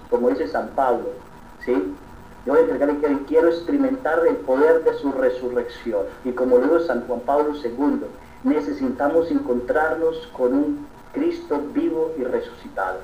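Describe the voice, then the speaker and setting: A priest preaches with earnest conviction, pausing often to check in with his listeners. His fairly high voice is picked up from a distance in a reverberant space. The recording sounds slightly dull, with faint noise behind it. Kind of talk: sermon.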